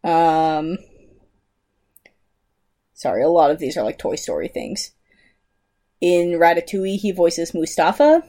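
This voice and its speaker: A woman's voice: on the low side, lively intonation, unhurried, long pauses, mellow. A young woman co-hosting a podcast, chatting casually, laughing often and reading out trivia. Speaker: podcast co-host. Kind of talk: casual chat.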